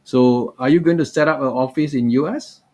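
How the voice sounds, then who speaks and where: Speaking at a moderate pace in a medium-pitched, somewhat mellow voice, this webinar host runs a live session over video call. He talks loosely, filling his sentences with "uh" and "you know."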